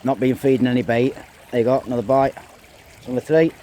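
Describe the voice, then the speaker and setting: A man's voice: medium pitch, steady tone, fast talker, mellow. A man with an English accent giving casual running commentary while fishing outdoors, counting each catch aloud as he wades in a river. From England. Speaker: angler vlogger. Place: outdoors on a windy riverbank, wading. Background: flowing water and wind.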